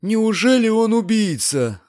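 A man voicing a frightened, whining landlady in an audiobook, high-strung and wailing. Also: big pitch swings, normal speed, darkish tone, no room sound, studio quality. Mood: distraught.

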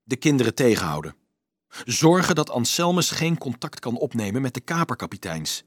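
A man's voice: medium pitch, sing-song, moderate pace, dry recording, clean studio sound. A man voicing a determined teenage boy who talks in a grim, bitter, clipped way in a storybook reading.

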